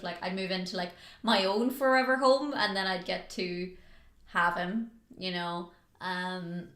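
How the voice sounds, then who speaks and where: A woman's voice: mid-range voice, pushed and bright. A woman hosting a casual livestream, telling a rambling story full of "like" and answering viewer chat as she goes. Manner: chatty, rambling, heavy use of "like". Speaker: livestream host. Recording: roomy echo.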